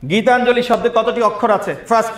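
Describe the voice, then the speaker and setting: A young man teaching an online admission class, energetic and quizzing students with repeated questions. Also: extremely high pitch, fast talker, reverberant, slight background noise.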